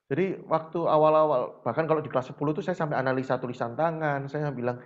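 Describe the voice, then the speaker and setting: A man's voice: fairly high pitch, quick pace, lo-fi sound. Man with speech, storytelling teacher. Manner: lively storyteller who often acts out dialogues. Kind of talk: conversational interview storytelling.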